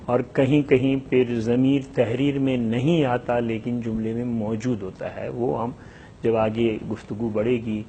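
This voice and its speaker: A male teacher explains a lesson at a measured pace, drawing out each example phrase so it can be heard clearly. His voice sits in an ordinary middle pitch, and a faint hum runs under the recording. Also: flat delivery, mellow. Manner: slow, drawn-out modelling of example sentences; repeats each sentence with several translations. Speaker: language teacher. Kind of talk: spoken language lesson.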